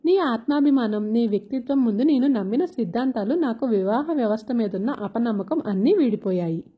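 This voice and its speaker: A woman voicing an earnest young husband who speaks gently and sincerely, in a storybook reading. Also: on the high side, lively intonation, fairly quick, slightly rough. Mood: tender. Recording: dull lo-fi recording.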